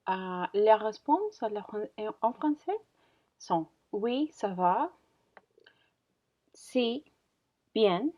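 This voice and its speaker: Woman in her thirties, very slow hesitant teacher, muffled lo-fi sound. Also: medium pitch, expressive. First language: Spanish. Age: 30s. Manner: hesitant, many fillers and self-corrections. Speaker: French teacher. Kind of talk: slow beginner language lesson. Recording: dull lo-fi audio.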